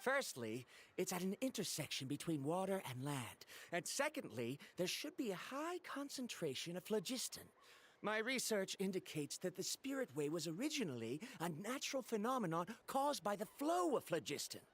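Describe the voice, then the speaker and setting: Villain-voiced scholar, lively pitch. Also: male voice, normal speed, breathy edge, heavily acted. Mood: explaining. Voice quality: typical villain voice. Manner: formal, precise, lecturing. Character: pedantic scholarly male researcher with a villainous air. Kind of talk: scripted game dialogue.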